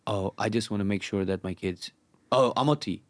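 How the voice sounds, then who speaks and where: A man's voice: on the low side, a little fast. A man from South Africa hosting a casual podcast chat, joking, telling stories and laughing often. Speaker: podcast host.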